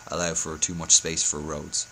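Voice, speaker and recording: Very deep, hungover man, flat delivery. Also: normal speed, slight background noise. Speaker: video tutorial host. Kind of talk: casual game building tutorial commentary.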